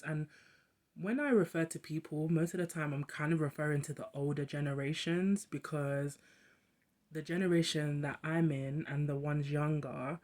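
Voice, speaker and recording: Quick-talking young adult host. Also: medium pitch, darkish tone. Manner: quick, talkative, many fillers and restarts. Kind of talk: casual reflective monologue.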